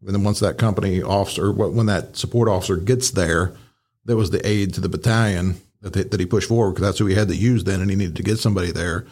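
A man's voice: deep voice, fast, a little mellow, slightly rough. A man in a casual technical discussion, explaining conversationally as an instructor and rephrasing as he goes. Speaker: fire command instructor, show regular.

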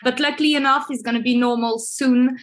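A woman with a fairly high voice talks casually as a guest on a video call. She hesitates often, filling pauses and restarting her sentences. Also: steady tone. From Venezuela. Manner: hesitant, many fillers and restarts. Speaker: guest, marketing manager. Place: home in Paris.

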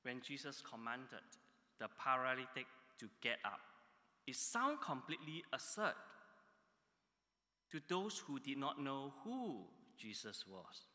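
A man delivers a sermon at a slow, deliberate pace. His voice is piercingly bright and tense, and he punches key words with emphatic jumps in pitch. A long reverb trails each phrase, as in a large hall. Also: sing-song. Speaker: preacher.

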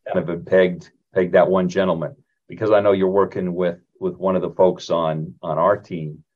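A male host questions his guest in a very deep voice. He feels his way through each question with fillers and restarts, and the recording sounds dull and lo-fi. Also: flat delivery, normal speed. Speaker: podcast host. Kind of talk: interviewing a guest.

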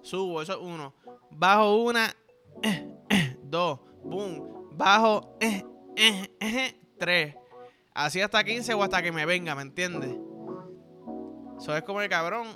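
The Puerto Rican podcast host speaks high, bright and pushed but unhurried, with faint music behind him. His comic monologue wanders, crude and profane, loaded with slang.

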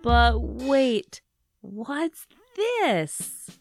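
A woman host narrating a rhyming children's story in a gentle, rhythmic way, voicing its splashes and scoots with play. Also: a little high, big pitch swings, extremely slow. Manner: gentle, rhythmic reading with playful sound words. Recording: soft music behind the voice.

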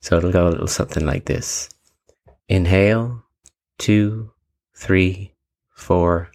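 A low-voiced man guides a meditation, giving calm, measured instructions with long pauses between phrases.

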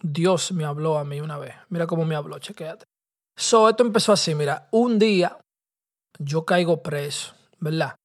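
Speaking at a moderate pace in a fairly high voice, a young Dominican-accented man recounts a personal story on his podcast. His conversational style leans on loose street slang mixed with English words.

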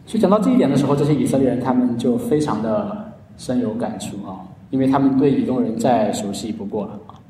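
A man's voice: mid-range voice, dark tone, a little hiss or hum. Man preaching in an echoey hall. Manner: earnest storytelling preaching, frequent drawn-out "啊" endings. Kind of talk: sermon. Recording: echoey hall, heard from a distance.

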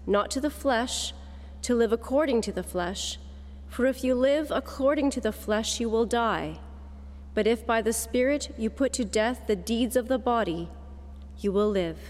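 A woman's voice: fairly high pitch, a little mellow. Woman reading scripture in cathedral echo. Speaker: lector at Mass. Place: large reverberant church. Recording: long cathedral echo, large reverberant church.

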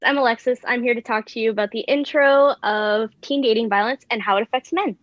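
A woman's voice: a little high, brisk. A young woman presenting on a youth podcast in an informal, conversational way. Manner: peppers talk with "like". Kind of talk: informal discussion. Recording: slightly dull, roomy sound.

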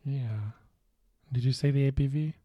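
A man co-hosting a podcast in casual beer-tasting chat, relaxed and hesitant, with many fillers and restarts. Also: mid-range voice, moderate pace, dry recording, highs cut off. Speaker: podcast co-host.

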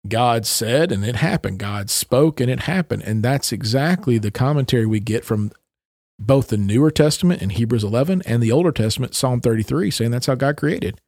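A man's voice: medium pitch, lively intonation, brisk, a little mellow, no room sound. A man with a mid-range voice, co-hosting a Bible discussion in an explaining, teacherly way. He leans on key phrases of the verses he reads and ties them back to his point. The recording is dry and close. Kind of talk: casual Bible study discussion.

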